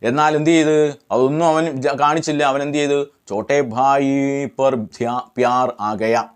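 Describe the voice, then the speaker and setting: A man's voice: medium pitch, fairly even intonation, measured pace, clean tone. A man teaching a lesson, translating line by line and asking questions that he answers himself. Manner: translates phrase by phrase, repeating words. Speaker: Hindi tutor.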